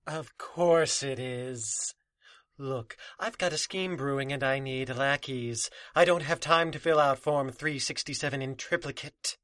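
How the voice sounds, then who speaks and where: An actor playing a masked, snake-haired male supervillain who swings from booming threats to sarcastic grumbling, in a comedic audio drama. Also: unhurried, a bit bright, dry recording, studio quality, natural voice. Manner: grandiose then sarcastic.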